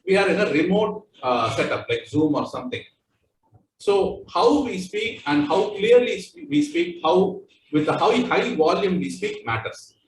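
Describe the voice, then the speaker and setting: A man's voice: high-pitched, very animated, a little slow, a little hiss or hum. A man with an Indian accent giving a workplace training talk, with loose, repetitive phrasing and many fillers. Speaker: corporate trainer. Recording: echoey room, voice far from mic.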